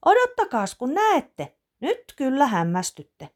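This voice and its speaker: Woman doing a high excited little girl.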